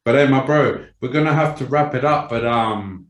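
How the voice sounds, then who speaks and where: A man's voice: medium pitch, moderate pace. A man hosting a podcast in casual, effusive, slang-heavy interview chat, peppering his speech with bro and man. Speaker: podcast host. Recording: roomy echo with faint music.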